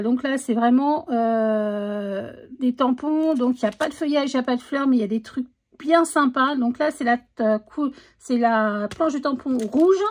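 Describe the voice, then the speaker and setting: A woman's voice: on the high side, darkish tone. A woman presenting a craft stamp collection in a casual unboxing, hesitant, with many fillers, reading the stamp words out as a list. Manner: reads out stamp texts as a list. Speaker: crafts vlogger.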